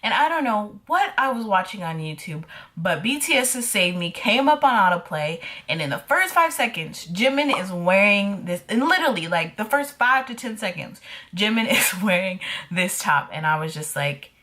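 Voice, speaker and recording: A woman's voice: mid-range voice, very animated, normal speed, pushed and bright. Chatty young woman sewing vlogger. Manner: chatty, giggly, gushing. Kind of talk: casual chat to camera; voice-over sewing tutorial narration.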